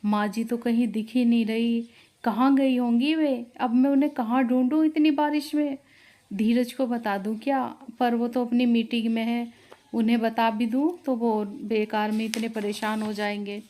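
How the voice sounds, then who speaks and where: A woman's voice: on the high side, fairly even intonation, moderate pace, dark tone, natural voice. A woman voicing a caring, anxious young daughter-in-law in a storybook tale, speaking earnestly.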